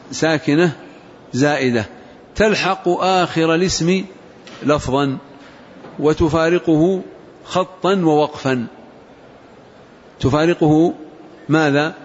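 A man teaching a grammar lesson to a class, asking questions and repeating key words slowly for emphasis. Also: on the high side. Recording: muffled recording with faint hiss.

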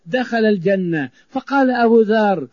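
A man's voice: high voice, expressive, normal speed, a little mellow, no echo. A man preaching a sermon, emphatic and repeating phrases for stress. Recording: dull lo-fi recording.

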